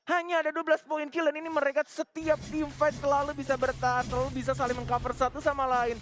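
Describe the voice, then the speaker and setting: A man working as an esports caster, delivering excited play-by-play in long run-on calls. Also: very high-pitched, fast.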